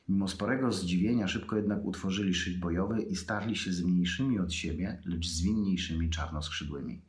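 Deep-voiced man reading his own fiction. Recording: echoey room.

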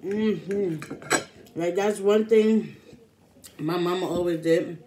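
Woman eating and chatting to camera, slow relaxed pace, bit of background noise in a room at home. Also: on the low side. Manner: talks between bites, mouth often full. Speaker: mukbang vlogger. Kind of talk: casual chat to camera while eating. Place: small room at home, indoors.

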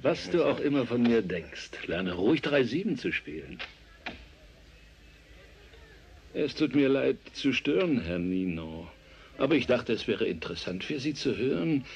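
A man dubbing a sly, greedy male swindler in a film who talks in a fawning way with a gravelly voice. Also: medium pitch, a little hiss or hum.

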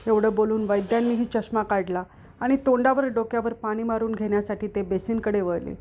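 A woman narrating a literary short story aloud in a steady, expressive way. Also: medium pitch, brisk.

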